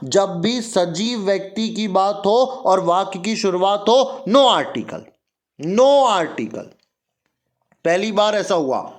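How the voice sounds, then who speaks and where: A man leads an exam-prep grammar lesson. His voice sits high, and he talks slowly, spelling words out letter by letter and putting questions to his students. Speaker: teacher.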